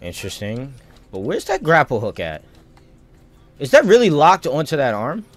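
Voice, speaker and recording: Music and game sounds run behind a male streamer casually commenting on his gameplay with slangy, sweary remarks to himself. His voice sits at medium pitch with huge swings in intonation, at a normal speed.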